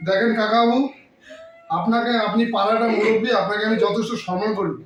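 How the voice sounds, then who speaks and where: A man playing a fast-talking, urgent younger brother. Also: high-pitched, fairly even intonation, soft background music, close to an everyday voice. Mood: firm. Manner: urgent, soothing, repetitive. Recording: echoey room, far from mic, faint noise.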